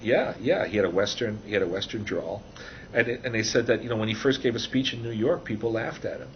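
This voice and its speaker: The author of a computer animation book, an older man with a low voice, rambles through an interview, talking fast and often restarting or using fillers. The audio is dull and a bit noisy.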